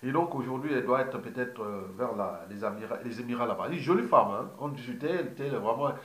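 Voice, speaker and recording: A man's voice: medium pitch, lively intonation, fast talker. A man in his fifties from Congo, a political activist giving a digressive monologue, full of fillers, restarts and repeated words. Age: 50s. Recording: roomy echo.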